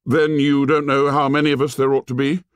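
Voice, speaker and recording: A man's voice: mid-range voice, flat delivery, brisk, clean tone, no room sound, voice pushed up, lightly acted. A man voicing a stern boy leader in an audiobook, with curt, commanding speech. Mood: sharp. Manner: sharp, clipped, commanding.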